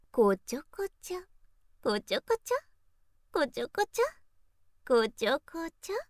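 A woman's voice: high-pitched, dry recording, clean studio sound. A woman voicing a teasing, playful older sister in an intimate audio role-play, coaxing in a sing-song way.

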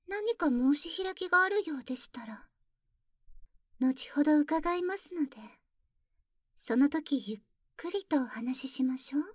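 A woman's voice: sits high, a little mellow, no room sound. A woman voicing a polite but jealous young maid in an ASMR roleplay, speaking very formally and whispering close to the ear. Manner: very formal, deferential speech with teasing jabs. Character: polite, jealous young maid who calls herself boku. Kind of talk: ASMR roleplay audio drama.

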